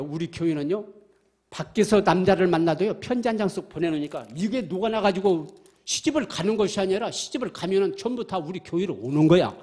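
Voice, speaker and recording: Husky-voiced older Korean church elder. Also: male voice, fairly high pitch. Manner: lively storytelling, acts out quoted dialogue, asks the congregation questions. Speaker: church elder giving testimony. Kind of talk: evangelism testimony sermon.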